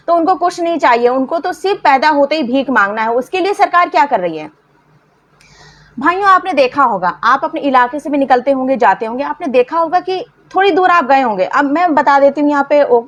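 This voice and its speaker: A woman giving impassioned, indignant political commentary, full of rhetorical questions and sarcastic laughs. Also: high voice.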